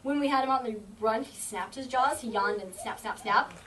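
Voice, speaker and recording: A woman's voice: on the high side, crowd noise. A woman who trains shelter dogs, teaching a group of volunteers with confidence and acting out what the dog thinks. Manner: confident, explains with quick acted-out dog thoughts. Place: indoor room at an animal shelter. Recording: distant camera mic, faint noise.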